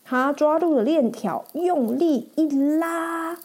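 A woman storyteller reading a picture book aloud in an animated, expressive way. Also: high voice, slow.

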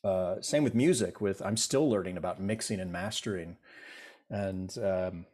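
A middle-aged man with a deep, unhurried, darkish and slightly rough voice tells stories as a guest in a casual interview. He rambles, pokes fun at himself and restarts often.

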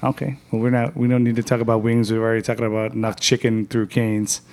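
Guy hosting a podcast, easygoing, lots of laughs and quick yeahs. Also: mid-range voice, flat delivery, a little mellow. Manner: laughs often, quick agreeing interjections. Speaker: podcast host. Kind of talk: casual chat.

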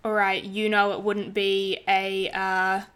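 A woman's voice: medium pitch, monotone, slow, a bit bright, smooth. A woman hosting a casual solo podcast, chatting in an informal, sweary, playfully dramatic way with rain behind her. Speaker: podcast host. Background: heavy rain.

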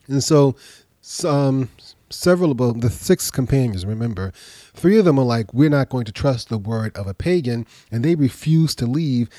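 Male podcast host, medium pitch, dark tone, a bit stuffed-up with a cold, telling history informally and rewording as he goes. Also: no room sound. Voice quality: slightly nasal, congested. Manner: explanatory, pausing to rephrase and repeat. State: getting over a cold. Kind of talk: informal history storytelling lecture.

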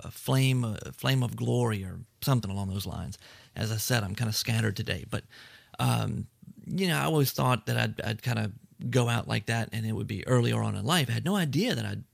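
A man of forty hosting a podcast, chatting casually and rambling warmly with frequent restarts. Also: medium pitch, creaky, no echo, studio quality. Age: 40s. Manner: rambling, thankful, many restarts. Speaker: podcast host.

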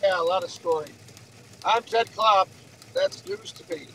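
High-voiced middle-aged man joking around. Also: wildly swooping pitch, unhurried, poor audio. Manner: joking, playful, with hesitant restarts. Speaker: podcast co-host. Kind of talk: casual chat.

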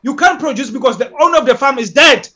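A South African man giving impassioned interview talk as an activist guest, halting, emphatic and often repeating himself. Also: very high-pitched, expressive, bright, forceful tone.

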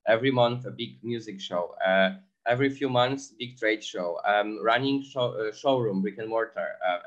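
The speaker is a male entrepreneur from Poland, a native Polish speaker answering interview questions in English with lots of fillers and false starts. His voice leans low with a fairly bright tone, and the recording is dull.

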